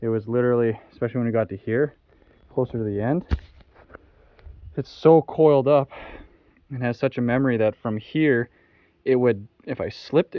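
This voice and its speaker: A man's voice: medium pitch, dry recording, phone-quality sound. A young man hosting a casual vlog, talking his way through building work on his home in a chatty, explaining way.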